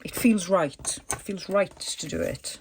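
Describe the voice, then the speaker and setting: A woman's voice: lowish voice, a little slow, gravelly, background noise. A woman chatting casually at her home craft desk, rambling and thinking aloud with lots of fillers as she works on a journal page.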